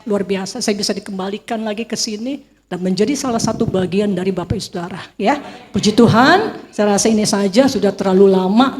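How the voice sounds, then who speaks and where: A middle-aged woman giving an emotional church testimony, telling her story with lively acted quotes. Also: medium pitch, background noise. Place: church hall. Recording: long reverb of a church hall.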